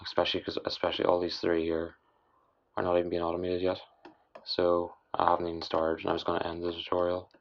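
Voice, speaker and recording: A man giving a casual, unscripted software tutorial in a tired, hoarse voice with a breathy rasp, halting and mumbling as he goes. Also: deep voice, monotone. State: hoarse, worn-out late-night voice. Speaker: music production tutorial host. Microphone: voice-over on screen recording. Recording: dull, lo-fi voice-over.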